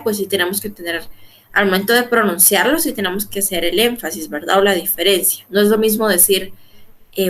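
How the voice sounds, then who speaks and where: A woman's voice: medium pitch, a bit bright. A woman teaching an English grammar class in Spanish, explaining step by step and often checking in with her students. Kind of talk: online class lecture.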